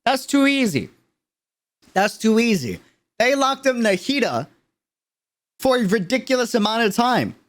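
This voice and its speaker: A streamer reacts to a game character trailer in a casual, emphatic, slang-heavy way, repeating phrases for emphasis. His voice is very high-pitched and highly animated, though a little slow, and he pauses often.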